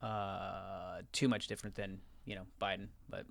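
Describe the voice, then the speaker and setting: A man's voice: deep voice, little pitch movement, normal speed, vocal fry, fairly bright tone, no echo. A man co-hosting a podcast, a tax preparer chatting in an easygoing, joking way. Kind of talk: casual chat.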